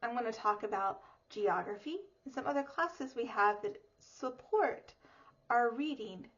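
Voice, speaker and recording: A woman reading teacher giving an upbeat, clear presentation of her academy's classes to parents. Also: on the high side, a little slow. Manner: upbeat, clear and explanatory, with lively emphasis. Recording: slightly dull lo-fi audio.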